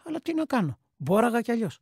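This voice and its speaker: In a radio play, a woman voices a plain-spoken emigrant army veteran, a man, telling an anecdote about his past in colloquial speech with a reminiscing mood. Her voice is a little high and darkish with big pitch swings and a breathy edge, recorded cleanly in a studio with no echo.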